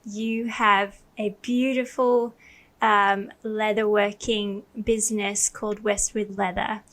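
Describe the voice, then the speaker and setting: A woman's voice: mid-range voice, flat delivery, takes it slowly, a bit bright. A woman from Thailand hosts a casual podcast interview with a mid-range voice. She talks eagerly, leaning on "like" as she builds her questions. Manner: enthusiastic, many "like" fillers. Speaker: podcast host.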